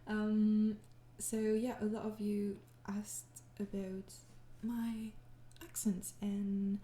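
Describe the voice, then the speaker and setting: Speaking extremely slowly with little pitch variation, this French-accented young woman has a mid-range voice and a roomy sound. As an ASMR creator fielding fan questions in a gentle, casual session, she comes across as weary and apologetic. She hesitates, laughs softly again and again, and lapses into whispers.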